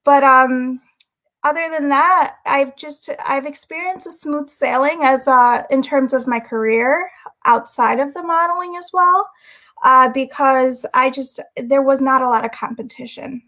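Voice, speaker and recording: A young woman from Guyana, a model, answering interview questions in a soft-spoken, hesitant way with frequent pauses and restarts. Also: sits high.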